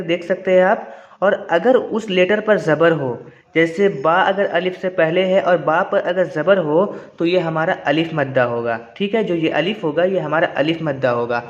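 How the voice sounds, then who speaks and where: A man with a slightly high voice gives a patient, step-by-step reading lesson. He drags syllables out slowly to demonstrate, then speeds up as he explains. The recording sounds dull and lo-fi. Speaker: Quran reading teacher.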